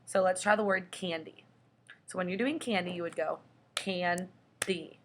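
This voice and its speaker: Woman, young adult, teacher, lower voice, patient children's lesson, faint room hum. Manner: slow and patient, drawing out the example words. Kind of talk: children's lesson explaining syllables.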